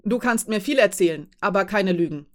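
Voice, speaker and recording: A woman reading an audiobook voices a desperate, furious mother who shouts and pleads in a high, strained voice. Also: animated, fairly quick, close to an everyday voice. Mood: desperate, shouting. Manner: shouting, wavering between demand and pleading. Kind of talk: audiobook character voice.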